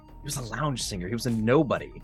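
A man's voice: medium pitch, animated, quick pace, faint music behind. A man playing in a tabletop role-play, speaking in a hesitant, stammering way with many restarts. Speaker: player.

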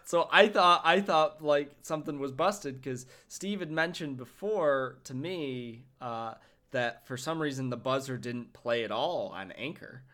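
A man's voice: medium pitch, measured pace. A young man co-hosting a podcast in casual chat, laughing often and swearing freely. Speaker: podcast co-host.

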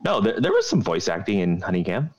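A fairly low-voiced man bantering in casual podcast chat, crude and joking. His pitch swings a lot as he talks, and his delivery stays animated throughout. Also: quick pace, dull audio. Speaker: podcast co-host.

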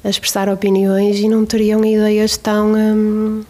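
A woman with a European Portuguese accent talks in a casual podcast conversation. She is reflective and emphatic, and she pauses and restarts as she works through her thoughts. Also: mid-range voice, completely flat delivery, dark tone.

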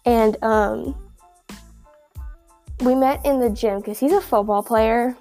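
Teen girl podcaster from Texas, casual slangy chatter, warm tone, muffled by a mask. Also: a little high, slow pace, soft background music. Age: teens. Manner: rambling, slangy, giggly. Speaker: podcast host. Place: at school.

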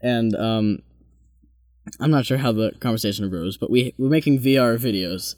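A man's voice: medium pitch, moderate pace, a little mellow, no room sound, clean studio sound. A man co-hosting a podcast, telling stories in a playful, teasing way and acting out what people said. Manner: playful, teasing, chatty, quotes people in their own voices. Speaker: podcast co-host. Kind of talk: casual chat, telling stories.

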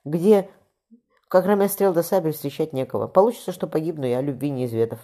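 A man's voice: fairly high pitch, brisk, dark tone, pitched above the performer's own voice, natural voice. A man voicing a cunning, ruthless cossack ataman who pleads in a honeyed, mournful way. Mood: pleading.

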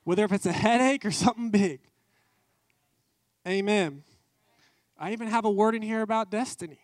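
A man's voice: high-pitched, normal speed, no room sound, studio quality. A man preaching a testimony sermon, fervent and emphatic, repeating his key phrases.

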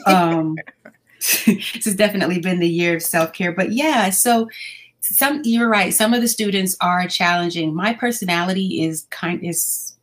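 A woman talking as an interview guest in a calm, measured way, often breaking into light laughter. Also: fairly low pitch. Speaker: school staff working with students. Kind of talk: casual interview conversation.

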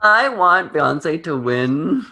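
A man co-hosting a podcast in casual pop-culture chat, talking in a sassy, expressive way. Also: extremely slow. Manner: expressive and sassy, with big swoops up in pitch. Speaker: podcast co-host.

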